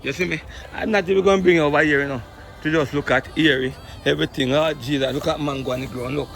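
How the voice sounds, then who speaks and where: A man from Jamaica with a Jamaican accent, giving an excited walking-tour vlog outdoors among fruit trees. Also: a little high, quick pace, vocal fry. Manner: exclamatory, excited, keeps repeating "look at this". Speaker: vlogger.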